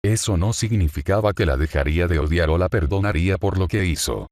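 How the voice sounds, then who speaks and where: A man narrating a fan story in a steady, dramatic storytelling manner. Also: low-pitched, brisk, dry recording.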